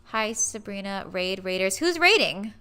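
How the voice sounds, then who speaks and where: A young woman streaming casually, excitable and swearing freely while chatting with viewers. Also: medium pitch, a little slow, faint music behind. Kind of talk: casual livestream chat.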